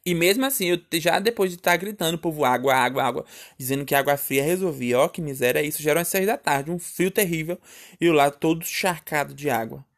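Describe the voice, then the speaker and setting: A man's voice: fairly high pitch, fast. A young man with a Northeastern Brazilian accent, telling a personal story in a chatty, dramatic way and often speaking straight to the listeners. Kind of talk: casual comic storytelling.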